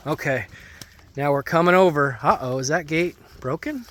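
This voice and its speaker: A man's voice: a little high, moderate pace, fairly bright tone. A middle-aged man casually narrating a walk-around homestead vlog outdoors, talking in a folksy way to viewers and animals. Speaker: homesteader vlogger. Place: outdoors on a muddy farm and under an animal shelter.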